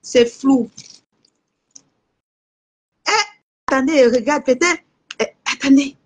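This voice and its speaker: A young Cameroonian woman with a Cameroonian French accent, selling goods on a live stream and chatting warmly to her viewers. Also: high voice, slow pace. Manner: lively, addresses viewers as aunties. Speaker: live seller. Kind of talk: casual live-stream sales chat.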